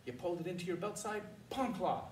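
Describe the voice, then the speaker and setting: Older male martial arts instructor, high-pitched for a man, commanding drill calls, recorded across an echoey studio. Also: lively intonation, quick pace. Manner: commanding, instructional, calling out short counted cues. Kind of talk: karate lesson with call-and-response drills. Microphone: far camera. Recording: roomy, distant mic with faint noise.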